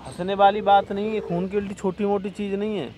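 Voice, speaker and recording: A man with a high voice talks in a worried, insistent way in a home video. Loud background noise runs under the whole recording. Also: little pitch movement, fast. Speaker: prank target. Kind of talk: casual home video talk.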